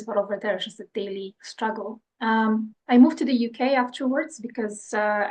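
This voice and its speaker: Woman from Morocco, 30s, interview guest, hesitant with many restarts, slightly high voice. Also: a little mellow, rough recording. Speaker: podcast guest, clinical scientist. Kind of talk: conversational interview.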